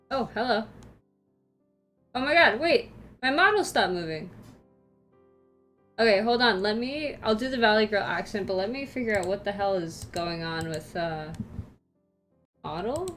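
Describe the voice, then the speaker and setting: Chatty woman streamer, lively voice. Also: a little high. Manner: chatty, laughs often, talks to chat by name. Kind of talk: casual live-stream chat with viewers.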